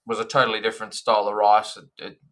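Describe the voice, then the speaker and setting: A man's voice: on the low side, little pitch movement, fast, crowd noise. An Australian man co-hosting a casual beer podcast, chatty and blunt in his talk. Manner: chatty, blunt, says "mate". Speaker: podcast co-host.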